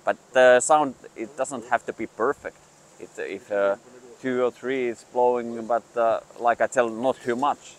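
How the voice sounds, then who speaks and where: A man who is not a native English speaker gives an informal outdoor lesson as a hunting instructor, explaining in a halting, hesitant way. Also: medium pitch, steady tone, slight background noise, poor audio. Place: outdoors in the countryside.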